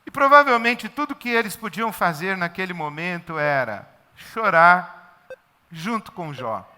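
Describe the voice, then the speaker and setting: A Brazilian-accented pastor preaches in a very high, sharply bright voice. He is emphatic and conversational, repeating key words for weight. His voice carries a long hall reverb. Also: animated, unhurried. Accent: Brazilian Portuguese. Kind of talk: sermon.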